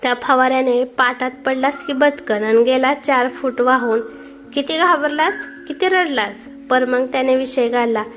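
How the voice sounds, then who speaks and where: A woman's voice: high-pitched, moderate pace, a bit bright, soft background music. A woman narrating a family story and voicing the characters' dialogue herself.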